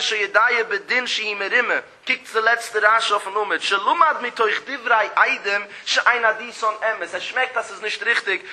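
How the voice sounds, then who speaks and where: Male religious teacher, high keen voice; recites text lines, then explains them with lively emphasis. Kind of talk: traditional religious text lecture.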